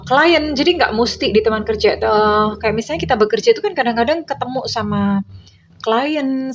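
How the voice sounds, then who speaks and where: A woman's voice: on the high side, lo-fi sound, a little hiss or hum. Chatty woman giving a tarot reading. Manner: chatty, meandering, many fillers. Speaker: tarot reader. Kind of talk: casual tarot reading to viewers.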